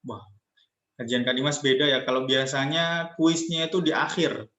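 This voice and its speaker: A man's voice: mid-range voice, moderate pace, fairly bright tone. A young man telling a religious story to children and drawing a lesson from it, playful and acting out quoted voices. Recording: echoey lo-fi recording.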